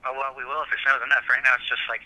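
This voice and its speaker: A young man, the hosts' college-age son, calling in and heard through a phone on speakerphone, chatting casually in a quick, offhand way. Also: medium pitch, little pitch movement, background noise. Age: young adult. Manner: quick, offhand student talk. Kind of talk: casual chat.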